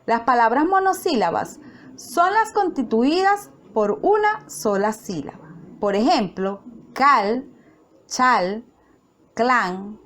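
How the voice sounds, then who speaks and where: A woman teacher talks through a recorded lesson at an unhurried, deliberate pace. Her voice sits a little high and moves up and down a lot as she sounds out each syllable with care. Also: expressive, a bit bright. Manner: slow, careful, spelling out syllables.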